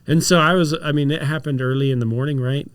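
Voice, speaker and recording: Talking fast in a smooth, fairly high voice, this chiropractor is a guest on a health podcast, where he chats casually about remedies and tells stories. He mixes his explanations with lively reenactments of what was said. There's no room sound in the recording.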